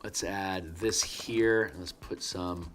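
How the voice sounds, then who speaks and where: His voice sits low, steady and slow, with a bit of brightness, as he livestreams himself painting. This artist chats casually, murmurs instructions to himself while working, and wanders into asides, frequently restarting.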